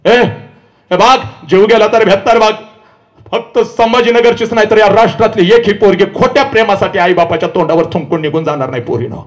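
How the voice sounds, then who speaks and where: A man giving an impassioned public lecture to a live audience. He shouts, pleads and scolds his listeners directly. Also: high voice, a little fast. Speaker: public speaker addressing an audience. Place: live event before an audience.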